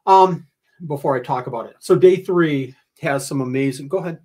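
Casting: older male livestream host, husky and a little high, chatty and joking while reading out giveaway gifts. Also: moderate pace, darkish tone. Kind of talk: casual giveaway announcement, reading out gift list. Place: indoor room, livestream.

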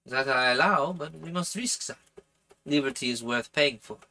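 A man's voice: mid-range voice, normal speed, pushed and bright, poor audio. A man voicing a determined, impatient harpooner in an audiobook, with a put-on French accent and an urgent, resolute manner. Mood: defiant. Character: determined, impatient Canadian harpooner plotting escape. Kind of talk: audiobook character voice.

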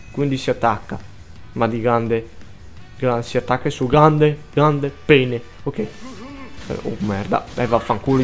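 A young man gives live gameplay commentary at an ordinary pitch. He swears freely, drops into low mutters and then breaks into frantic outbursts. Faint music plays behind him. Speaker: gaming let's player.

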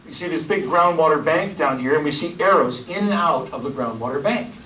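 Man, forties, public science talk, loud and animated, slightly high voice, roomy echo, heard from a distance. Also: a little fast, slight background noise. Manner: loud, energetic, gestures and points at slides. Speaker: county hydrogeologist giving a public talk. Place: lecture room with audience. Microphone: lapel mic, filmed from the room. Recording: echoey room, voice from far off.

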